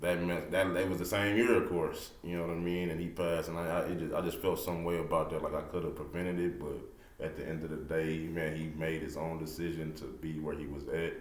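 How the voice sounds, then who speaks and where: Deep-voiced laid-back man, echoey room. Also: flat delivery, brisk. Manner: laid-back slangy talk, lots of "bro". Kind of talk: casual heartfelt conversation. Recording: echoey room with faint background noise.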